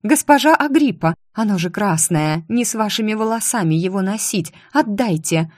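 A woman's voice: medium pitch, lively intonation, normal speed, dry recording, clean studio sound, pitched above the performer's own voice, close to an everyday voice. A woman voicing a fussy young female dress shop clerk who talks in an eager sing-song. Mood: fussing.

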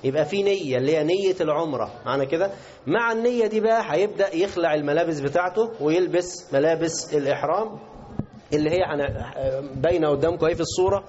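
A man's voice: on the high side, fast talker, a little mellow, slight background noise. A man with an Egyptian Arabic accent teaching a religious lesson, asking his class questions as he explains. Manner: interactive, asks the class questions. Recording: dull lo-fi recording.

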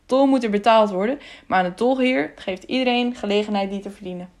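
A woman's voice: medium pitch, brisk, darkish tone, close to an everyday voice. A woman voicing a stern middle-aged toll guard who lectures in an officious, indignant manner.

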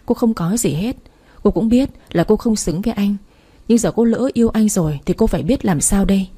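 A woman narrating a romance story in the first person, with even, soft storytelling. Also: mid-range voice, slightly rough.

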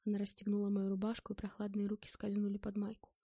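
A woman narrating a first-person novel in a steady, measured reading. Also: mid-range voice, breathy edge, dry recording, clean studio sound. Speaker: audiobook reader.

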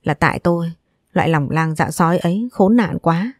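A woman's voice: lowish voice, normal speed, no room sound, clean studio sound, natural voice. A woman voicing a furious aunt who curses vehemently and blames herself. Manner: cursing, vehement. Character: fiery aunt, furious and guilt-ridden.

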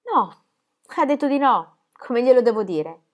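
A woman's voice: a little high, measured pace, pitched above the performer's own voice. A woman voicing a lovesick, wounded young man who pleads and complains. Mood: exasperated. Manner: pleading, then muffled and flat.

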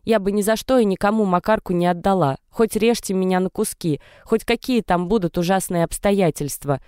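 A level-headed young woman pressing her friend with earnest, reproachful questions, as a narrator puts her on. The voice is warm and smooth, recorded close in a dry booth like a storybook reading. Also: medium pitch, fairly quick, no room sound, pitched above the performer's own voice, natural voice. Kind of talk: audiobook character reading.

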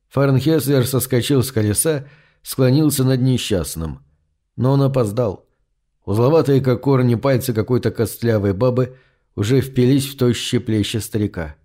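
A man's voice: medium pitch, mellow. Man narrating a story. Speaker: audiobook narrator. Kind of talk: scripted narration.

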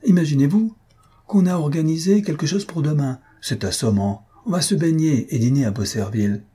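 A man's voice: a little high, moderate pace, mellow, breathy edge, voice pushed up. A man voicing a carefree young count, chatty and falsely complaining, in a read-aloud novel. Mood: mock-complaining. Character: carefree young count, breezy and self-satisfied.

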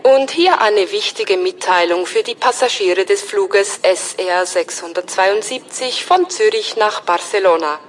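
A woman playing a polite airport announcer in a scripted language-exam recording, with clear, measured delivery. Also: medium pitch, close to an everyday voice. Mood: announcing.

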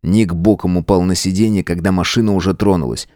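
A man reading a novel aloud as an audiobook narrator, with an expressive delivery. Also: low voice, a little fast, no room sound, studio quality. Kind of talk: scripted narration.

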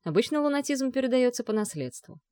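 A woman's voice: sits high, big pitch swings, quick pace, warm tone, dry recording, pitched above the performer's own voice. A woman reading the part of a sardonic young man with a dry, sarcastic delivery in a storybook reading.

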